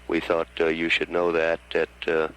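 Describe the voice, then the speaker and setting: A man giving formal mission status announcements as a control centre announcer, with halting, hesitant delivery. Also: deep voice, completely flat delivery, a bit bright, clean tone, poor audio. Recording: faint hum on archival broadcast line.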